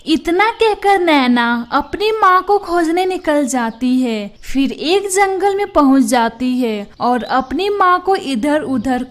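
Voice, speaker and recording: A woman narrating a children's cartoon story in a calm, even storytelling manner. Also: sits high.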